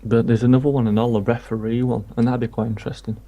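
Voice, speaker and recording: A man's voice: mid-range voice, little pitch movement, fast talker, warm tone. A man from England chatting casually about football while streaming a game, rambling from point to point. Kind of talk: casual chat while gaming.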